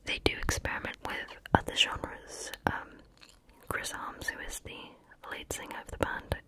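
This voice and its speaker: Female ASMR host, hushed ear-close whisper throughout, breathy and unvoiced, casual chatty delivery. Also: unhurried. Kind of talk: whispered ASMR chat about favorite music.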